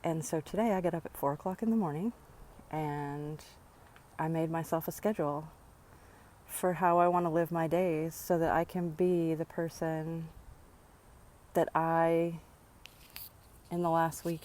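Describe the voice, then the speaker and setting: Low-voiced earnest woman vlogging outdoors. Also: steady tone, unhurried, long pauses, darkish tone. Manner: earnest, reflective, sighs between thoughts. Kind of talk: motivational personal vlog. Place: outdoors near her home.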